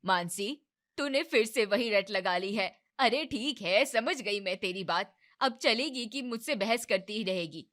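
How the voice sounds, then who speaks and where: A woman voicing a bossy, loud mother-in-law. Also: mid-range voice, animated, measured pace. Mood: scolding. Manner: scolding, loud and commanding. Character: bossy but caring older mother-in-law. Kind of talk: animated Hindi family drama voicing.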